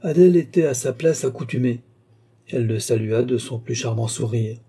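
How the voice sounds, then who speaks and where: A man reading a nineteenth-century short story aloud in a measured, expressive narration. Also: mid-range voice, husky. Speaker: audiobook narrator. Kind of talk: scripted literary narration.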